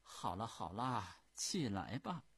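A man's voice: fairly low pitch, big pitch swings, slow pace, fairly bright tone, husky, no room sound, pitched above the performer's own voice, full character voice. A man voicing an aging, imperious empress who teases her servant. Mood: teasing. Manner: imperious, teasing. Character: aging imperious empress, teasing yet fearful.

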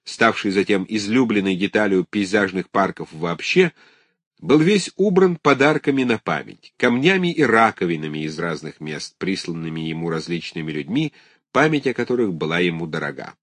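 A man reading a scholarly text on garden art aloud, in a measured, lecture-like way. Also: low-pitched, lively intonation, a bit bright, no room sound. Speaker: audiobook narrator.

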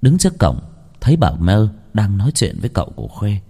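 A man with a fairly low voice narrates a scripted ghost story. His pitch rises and falls widely as he reads in a slow, dramatic, expressive way. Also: breathy edge.

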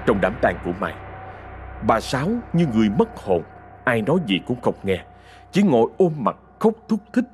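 A male storyteller with a Southern Vietnamese accent reads a ghost story dramatically. His pitch moves widely through each sentence. Faint music plays under him.

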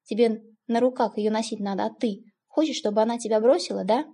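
Woman doing a sharp young stepdaughter, scolding, defiant, loud, husky. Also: on the high side, fast talker.

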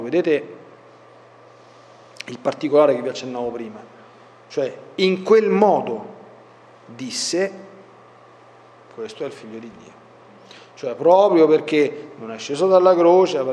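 Priest with a high voice in a long-echo church hall. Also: male voice, darkish tone. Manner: conversational, explains and asks the listeners. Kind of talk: Bible teaching talk.

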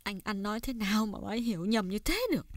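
A man's voice: high voice, animated, moderate pace, no room sound, pitched above the performer's own voice. A male narrator voicing a distraught, tearful middle-aged village wife who wails and pleads in an audiobook reading. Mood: reproachful. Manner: wailing, exclamatory, pleading.

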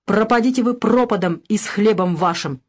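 A woman voicing a fiery, blunt old peasant man who shouts his mind, in a storybook reading. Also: mid-range voice, normal speed, lightly acted. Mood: angry.

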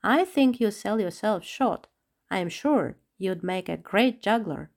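A woman's voice: mid-range voice, animated, unhurried, creaky, darkish tone. A woman voicing a sensible, attentive female doll in a children's audiobook, talking politely and reasoning things through.

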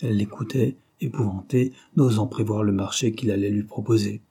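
A man reading a novel aloud as narrator, in a measured, grave storytelling manner. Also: fairly low pitch, fairly even intonation, dark tone, husky. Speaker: audiobook reader.

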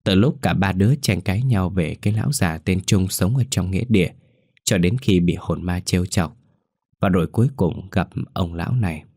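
A man reading a ghost story aloud in a steady, measured way. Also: sits low, husky, no room sound, clean studio sound.

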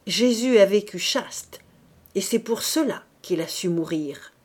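A woman's voice: mid-range voice, lively intonation, slow, darkish tone. A woman voicing a stern, contemptuous priest who speaks in harsh, scornful declamation in a read-aloud novel. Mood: furious.

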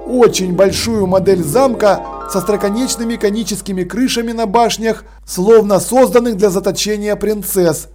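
A man narrating an audiobook in an expressive, lively storytelling manner. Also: high-pitched. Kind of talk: audiobook reading.

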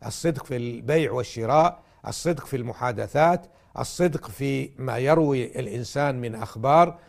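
A man's voice: mid-range voice, a little fast, creaky. A man giving a religious talk in formal standard Arabic, teaching in a didactic way and setting out his points one by one. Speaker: religious programme host and lecturer.

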